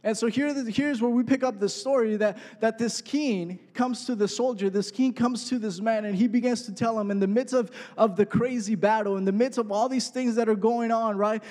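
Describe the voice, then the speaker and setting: Speaking at a normal speed with barely a pause, a man in his twenties preaches in a high-pitched, slightly mellow voice. He keeps the sermon conversational, frequently asking the congregation "right?", and the church hall's acoustics are echoey.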